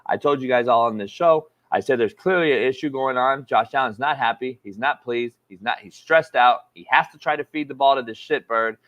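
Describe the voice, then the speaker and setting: A man in his forties co-hosts a casual sports talk show, needling his partner and repeating himself for emphasis. His mid-range voice is a bit bright and fairly quick with few pauses, and the recording sounds slightly dull and lo-fi.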